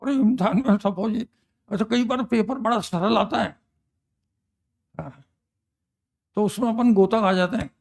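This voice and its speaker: An older chemistry teacher talks his class through problems. His voice sits high and has a gravelly edge. He chats, fires questions at the students and drifts into old stories. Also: normal speed, long pauses, darkish tone. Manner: chatty, quizzes students and reminisces. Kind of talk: classroom lecture.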